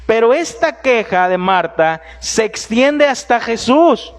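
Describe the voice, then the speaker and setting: Man, preacher, high voice, animated sermon storytelling, humorous asides, addresses listeners directly, church. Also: slow pace.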